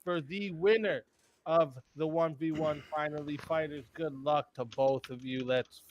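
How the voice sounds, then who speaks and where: A man's voice: a little high, steady tone, a little slow, highs cut off, slight background noise. A man moderating a live online debate, announcing the rules to the chat in a hyped, announcer-like way.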